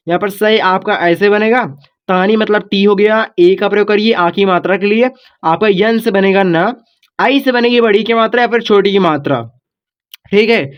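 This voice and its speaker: A man teaching a video lesson, patiently repeating each step and talking to his viewers as if they were kids. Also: high-pitched. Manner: patient, repetitive explaining, addresses viewers as kids. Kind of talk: classroom-style video lesson. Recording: dull lo-fi recording.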